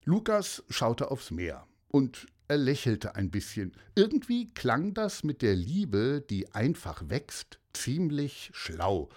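A man narrating a children's audiobook in a gentle storytelling manner. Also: mid-range voice, huge pitch swings, slow pace, hardly any pauses.

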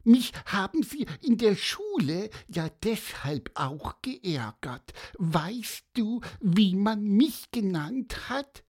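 A man voicing a small, curious, cheeky bird with a high, squeaky, piping voice and a lively lilt. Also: slow pace, hardly any pauses, breathy edge, exaggerated voice. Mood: sympathetic.

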